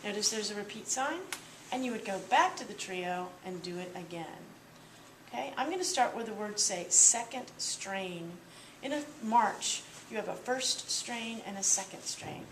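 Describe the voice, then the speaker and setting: A woman's voice: mid-range voice, expressive, moderate pace, a little hiss or hum. A woman teaching a percussion lesson, explaining patiently step by step with small fillers. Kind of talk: instructional walkthrough. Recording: roomy, distant mic with loud drumming.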